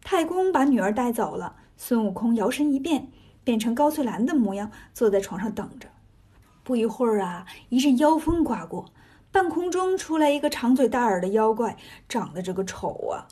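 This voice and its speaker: High-voiced woman telling a folk tale. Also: moderate pace, breathy edge. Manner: lively, folksy colloquial telling. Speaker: storyteller. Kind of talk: storybook narration.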